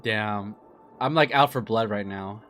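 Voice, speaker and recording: A man live-streaming his reaction to a game, chatting casually with viewers in an animated, talkative way. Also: lowish voice, measured pace, faint music behind.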